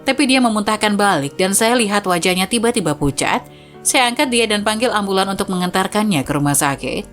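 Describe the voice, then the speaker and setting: A woman's voice: mid-range voice, lively intonation, brisk, a bit bright, faint music behind. A woman narrating a first-person moral story in an earnest, moralizing way.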